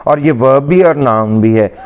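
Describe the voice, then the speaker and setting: A male English teacher giving a pronunciation lesson, saying each word slowly and more than once so it can be heard well. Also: mid-range voice, a little mellow, clear, resonant tone. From Pakistani Punjab. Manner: slow, deliberate repeating of each word. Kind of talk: pronunciation lesson in Hindi-Urdu.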